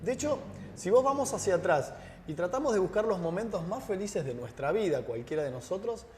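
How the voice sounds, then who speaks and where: A man with a Rioplatense accent, speaking as an interview guest in a fairly high voice. He tells stories with energy and acts out the dialogue. His voice trails off into a long reverb. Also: brisk, slight background noise. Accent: Rioplatense Spanish. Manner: animated storyteller, acts out dialogue. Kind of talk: conversational interview.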